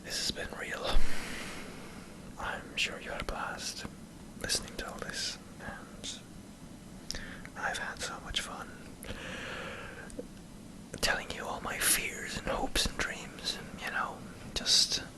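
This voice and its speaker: An Irish man in a hesitant, self-deprecating ASMR ramble, speaking in a breathy whisper close to the microphone. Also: takes it slowly, long pauses, poor audio. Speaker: ASMR video creator. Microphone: close microphone in front of a camera.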